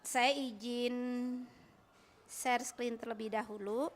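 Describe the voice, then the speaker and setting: A woman's voice: fairly high pitch, fairly even intonation, takes it slowly. A woman teacher from Bandung with an Indonesian accent giving an upbeat training presentation to colleagues, often asking them to reply. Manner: upbeat, asks audience for replies.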